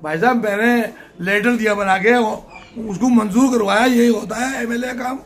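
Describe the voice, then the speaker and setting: An older man answers interview questions in a plain, emphatic way, often saying a point twice. His voice sits high for a man. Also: normal speed, fairly bright tone. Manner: plain-spoken, emphatic, repeats himself. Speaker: political candidate.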